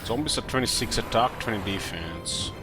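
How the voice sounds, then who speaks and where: A man giving casual, halting commentary on a strategy game as he plays, thinking aloud. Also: on the low side, music in the background. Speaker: gamer commentating own play.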